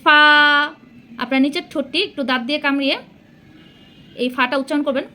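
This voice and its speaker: A woman teaching Arabic letter pronunciation as a patient Quran reading teacher, sounding out each letter slowly and repeating it with care. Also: sits high, fairly even intonation, pushed and bright. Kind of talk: slow recitation lesson.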